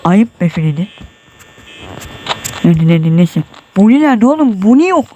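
A man's voice: sits high, sing-song, normal speed, dark tone. A nervous man commenting on his horror game run, muttering prayers and yelping when startled. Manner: tense, jumpy, muttering prayers and exclamations. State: sweating, nervous. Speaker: gamer.

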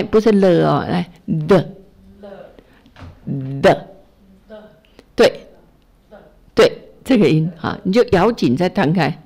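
Gravelly low-voiced woman teacher. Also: warm tone. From Taiwan. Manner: chatty, encouraging, heavy use of fillers, models pronunciation. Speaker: English teacher leading a Buddhist study class. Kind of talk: casual classroom coaching.

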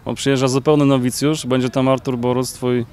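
A male sports reporter interviewing a player outdoors beside a pitch, asking long questions with filler sounds. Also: flat delivery, brisk, a little mellow, smooth. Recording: faint outdoor noise.

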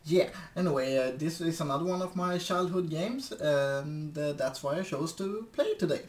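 A young man giving casual, hesitant, low-key gameplay commentary. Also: animated, moderate pace, a little mellow, slight background noise. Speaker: let's play host. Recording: echoey, distant mic, game audio. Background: video game music.

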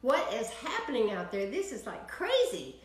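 Here an older Texan woman ministers over a prayer broadcast, sermonizing to viewers online from her home office with lively, sweeping hand motions. She speaks at a normal speed in a voice on the high side, and the room echoes.

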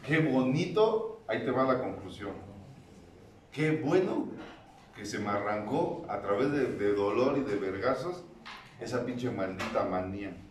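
A man with a Mexican accent giving a crude, comic testimony at a recovery group meeting, mocking and preachy, often mimicking whiny voices in a high pitch. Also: expressive, unhurried, slight background noise. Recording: echoey room, mic at a distance.

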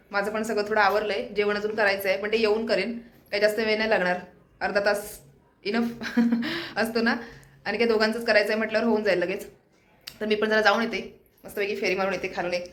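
A woman's voice: medium pitch, fairly bright tone. A young woman chatting casually to her viewers at home as a family vlogger, laughing often and cooing at her pet bird. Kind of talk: casual chat to camera.

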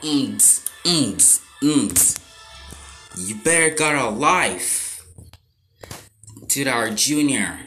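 A woman playing a game and reacting aloud in a bossy way, telling the game to be quiet and gasping at surprises, over loud background noise. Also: extremely low pitch, lively intonation, very slow, soft background music.

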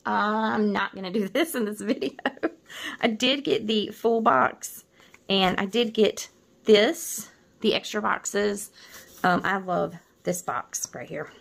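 A woman's voice: medium pitch, slow, creaky, a bit bright. A middle-aged woman chatting casually while showing off planner kits, rambling with many restarts and a tender, wistful tone. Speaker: planner vlogger.

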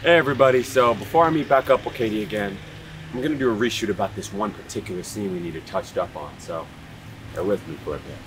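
A man plays a young filmmaker vlogging on a forest trail for a found-footage movie. He addresses viewers casually in a fairly low voice. The outdoor camera sound is clearly noisy. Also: fast, natural voice. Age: young adult.

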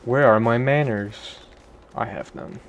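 A man's voice: medium pitch, a little slow, dull audio, noisy background. A young man giving casual, rambling gameplay commentary, self-deprecating and swearing offhandedly. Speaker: gaming video creator.

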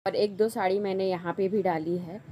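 A woman's voice: medium pitch, steady tone, normal speed, mellow, a little hiss or hum. A young woman narrating her family vlog in a chatty, homely way, talking straight to her viewers. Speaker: family vlogger.

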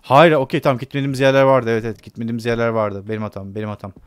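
A man's voice: mid-range voice, steady tone, rapid-fire, clear, resonant tone, no echo. Male gamer, casual let's play of a horror game, jumpy self-talk, dry recording. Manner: talks to himself and the game, jumpy, repeats words.

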